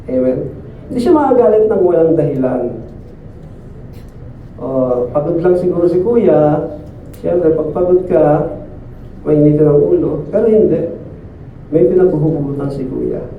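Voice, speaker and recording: A man's voice: on the high side, unhurried, long pauses, slight background noise. A man preaching a sermon at a church service in a conversational way, often asking the listeners to agree. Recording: echoey distant phone-like sound.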